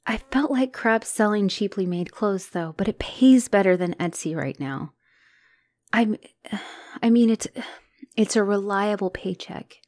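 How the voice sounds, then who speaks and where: In an ASMR roleplay, a woman voices a young spider-woman girlfriend who is anxious and self-doubting, speaking hesitantly and emotionally and often sliding toward a whisper. Her medium-pitched, darkish, natural voice is a little slow, with no room sound, and the mood is nervous and rambling.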